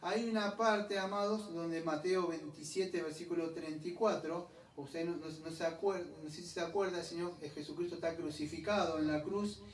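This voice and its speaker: A man, his voice pitched a little high, preaches a loose, chatty sermon that wanders into side stories and slows down to spell out Greek words. He sounds distant from the mic in an echoey church hall, with faint background noise. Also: fairly even intonation. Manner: chatty, digressive, explains Greek words slowly. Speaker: pastor. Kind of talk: conversational sermon.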